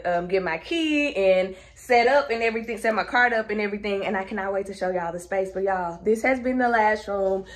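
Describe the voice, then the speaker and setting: A woman, a lash artist chatting excitedly to camera in a casual vlog from her home lash room, a little out of breath. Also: medium pitch. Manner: excited and chatty, uses "y'all".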